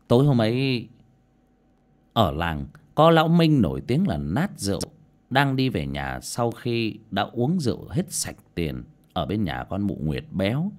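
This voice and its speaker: A man narrating a ghost story as an audiobook storyteller, expressive and lively. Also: medium pitch.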